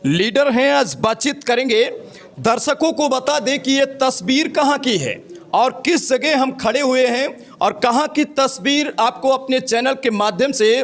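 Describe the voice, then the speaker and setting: A man reporting local news on location from a village panchayat hall, addressing viewers emphatically. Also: extremely high pitch.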